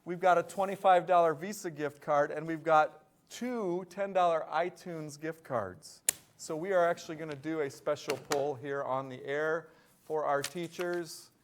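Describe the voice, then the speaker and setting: A man with a slightly high voice delivers live school morning announcements. He is upbeat and rattles off long lists of names, breaking into bursts of excitement between them. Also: moderate pace, a little hiss or hum.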